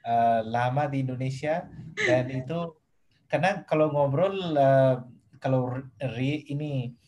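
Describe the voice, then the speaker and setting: A man's voice: mid-range voice, slow, darkish tone, a little hiss or hum. Young male podcast guest, Nepali accent, foreigner speaking hesitant, learner-level Indonesian with English mixed in. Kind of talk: casual interview talk.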